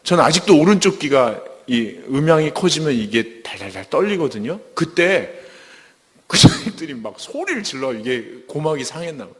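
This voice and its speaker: A man giving a testimony sermon at a church service, telling his story in a lively way and acting out the lines he quotes. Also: a little high, normal speed, long reverb tail.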